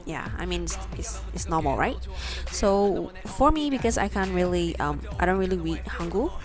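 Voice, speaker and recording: A woman with a lowish voice walks through an online tutorial in a casual, conversational way. She speaks with braces, so her words come out a little slurred, and she rambles hesitantly. Music plays clearly behind her. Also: lively intonation, moderate pace. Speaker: online shopping tutorial presenter. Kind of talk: casual screen tutorial narration. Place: voice-over for a screen recording.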